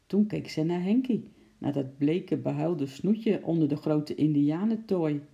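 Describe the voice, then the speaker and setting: A narrator reading a children's story aloud in a calm, even manner. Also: mid-range voice, a little slow, gravelly, lo-fi sound. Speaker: audiobook narrator.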